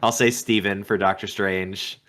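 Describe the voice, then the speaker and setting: A man co-hosting a casual gaming podcast, excitable and laughing often. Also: lowish voice, measured pace. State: tired late at night. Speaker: podcast co-host.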